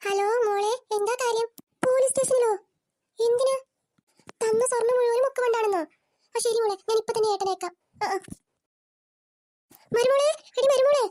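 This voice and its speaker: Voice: level tone, fast talker, darkish tone. A performer voicing a bossy, scheming middle-aged mother-in-law in a cartoon, coaxing and sly. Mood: alarmed. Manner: fussing, coaxing, then shrill and alarmed. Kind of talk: cartoon voice acting.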